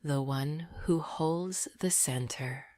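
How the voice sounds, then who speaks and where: A woman with a low-sitting voice narrates a scripted sleep meditation in a soft, breathy near-whisper. She's gentle and deliberate, and the recording has no echo.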